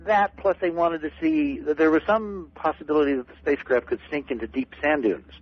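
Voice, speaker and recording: A middle-aged man, a guest on a late-night radio show, telling stories excitedly and repeating words as he gets going. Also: a little high, brisk. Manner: excited storyteller, repeats words when starting. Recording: dull lo-fi radio broadcast.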